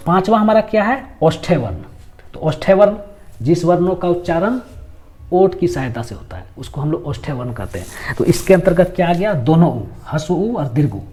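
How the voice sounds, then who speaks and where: A man teaching grammar in a slightly raised, mellow voice. He explains patiently, repeating each term and asking questions only to answer them himself. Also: fairly high pitch, animated, brisk. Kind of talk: grammar lesson.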